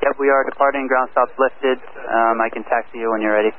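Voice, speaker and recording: A man's voice: medium pitch, steady tone, a little fast. Male ground controller, tinny staticky radio. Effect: aircraft radio with static. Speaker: ground air traffic controller. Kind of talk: radio taxi instructions. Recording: narrow radio band with faint static.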